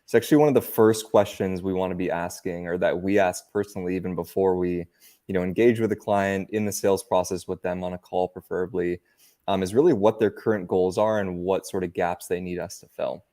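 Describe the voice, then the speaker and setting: A man from San Francisco, interviewed as a guest in a webinar. His voice is low and mellow. He answers in a relaxed, measured way with easy fillers. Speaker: agency CEO, guest.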